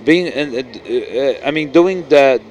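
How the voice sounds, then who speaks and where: Speaking slowly and animatedly in a mid-range voice, a middle-aged man with a Lebanese accent gives an earnest, casual interview. He's an actor, his speech is full of restarts and fillers, and the handheld mic picks him up in a noisy indoor event venue.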